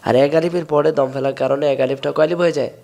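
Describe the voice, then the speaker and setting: A man from Bangladesh, teaching Quran reading step by step and drawing out sounds slowly to show them. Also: on the high side, steady tone, dark tone. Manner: explains step by step, drawls sounds slowly to demonstrate. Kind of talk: recitation lesson.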